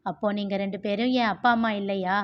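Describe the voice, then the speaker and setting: A woman's voice: medium pitch, steady tone, a little fast, close to an everyday voice. A woman voicing a spoiled nineteen-year-old young man in a storybook reading, protesting tearfully. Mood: hurt. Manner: sobbing, petulant protests. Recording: muffled lo-fi recording.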